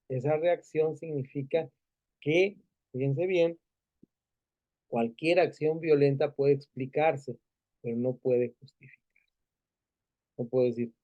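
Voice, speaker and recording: A man's voice: medium pitch, narrow, tinny audio. A man with a Mexican Spanish accent teaching a Bible class, asking the students questions and adding many fillers and tag questions.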